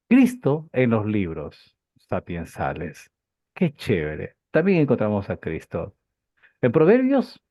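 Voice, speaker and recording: A man teaching a Bible class, lively and rhetorical, with lots of repeated phrases and questions to his students. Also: lowish voice, dry recording. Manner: animated, rhetorical questions and repetition. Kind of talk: class lecture. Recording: dull lo-fi dry recording.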